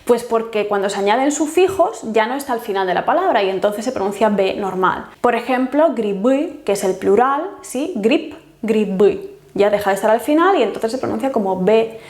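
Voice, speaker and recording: A woman teaching a language lesson, patiently explaining and slowly repeating each example word with care. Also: fairly high pitch, animated, a little mellow. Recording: roomy echo.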